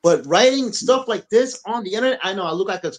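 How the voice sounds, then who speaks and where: A man's voice: sits high, fast talker, low-quality recording. A man co-hosting a podcast, ranting bluntly with repetition and swearing. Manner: blunt, repetitive, profane, animated. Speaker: podcast co-host. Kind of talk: heated opinion rant. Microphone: on camera.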